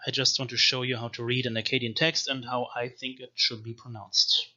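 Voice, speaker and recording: Guy teaching how to sound out old syllables one at a time, kinda sharp bright voice, muffled lo-fi audio. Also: medium pitch, level tone. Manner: slowly spells out syllables one by one. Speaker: language teacher. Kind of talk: explanatory video lecture.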